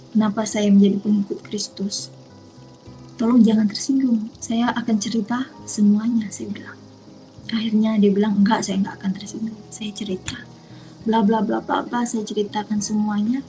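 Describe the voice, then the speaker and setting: A woman's voice: medium pitch, steady tone, moderate pace, pauses often, warm tone, faint music behind, rough recording. A woman telling a personal testimony, earnestly retelling conversations as quoted dialogue. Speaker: testimony speaker.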